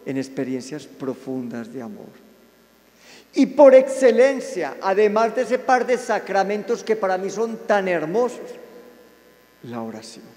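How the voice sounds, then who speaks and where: A man, a Franciscan friar giving a sermon to a live audience, warm and playful, with sudden soft, intimate asides. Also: high voice. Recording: reverberant hall sound.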